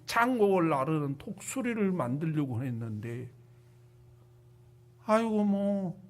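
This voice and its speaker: Male pastor, high voice; animated storyteller, hushed to loud, ends in prayer. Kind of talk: sermon and closing prayer.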